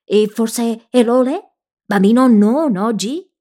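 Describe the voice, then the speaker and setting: A woman voicing a small, smiling, indifferent male house servant who speaks in slow, broken, clipped phrases. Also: high-pitched. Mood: offhand. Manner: broken halting speech, swaps r for l.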